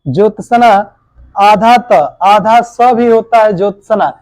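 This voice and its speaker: A man's voice: high voice, takes it slowly, a little mellow, no room sound. A man teaching correct spelling for exams. He asks questions and answers them himself, and calls his students "babu" and "bhai". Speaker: coaching teacher. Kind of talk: exam-prep spelling lesson.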